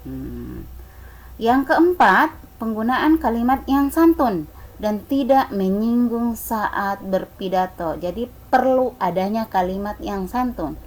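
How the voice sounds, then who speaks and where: A woman's voice: fairly high pitch, lively intonation, slow, low-quality recording. A woman teacher explaining a lesson patiently, repeating points and asking the pupils rhetorical questions. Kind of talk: slow online class explanation.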